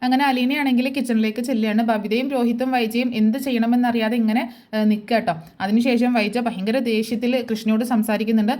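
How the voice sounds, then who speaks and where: A woman's voice: fairly high pitch, fairly even intonation, fast, a little mellow. A woman retelling the next episode of a TV serial in a chatty storytelling way, with frequent asides to her listeners. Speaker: serial review narrator.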